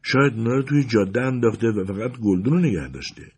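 A man's voice: medium pitch, darkish tone, slightly rough, close to an everyday voice. A man reading the part of a guarded, wistful farm wife in a story, asking short, clipped questions.

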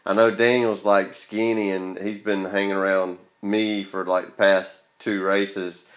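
A man's voice: deep voice, level tone, unhurried, a bit bright. A man with a Southern Georgia accent and a folksy country drawl, chatting casually as a podcast host. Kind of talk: casual chat.

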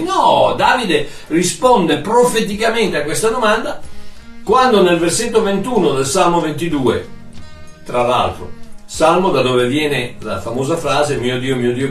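Brief: male preacher, animated and emphatic, slightly high voice, echoey and a bit distant with faint music under him. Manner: emphatic, lively preaching with long lists and sudden drops to soft tones. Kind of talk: sermon answering listener questions.

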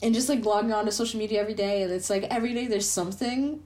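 A woman's voice: medium pitch, racing, darkish tone. A young woman co-hosting a podcast, talking in casual chat with a nasal, stuffed-up voice and wry, teasing banter. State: congested, nasal. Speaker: podcast co-host.

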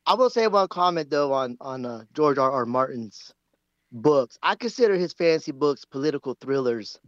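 A man's voice: medium pitch, animated, moderate pace, no echo. A man calling in by phone, talking in a casual, rambling way with restarts, and sick with the flu. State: has the flu, coughing at times. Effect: heard over a phone line. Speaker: caller. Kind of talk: casual call-in chat. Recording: dull phone-line sound, dry.

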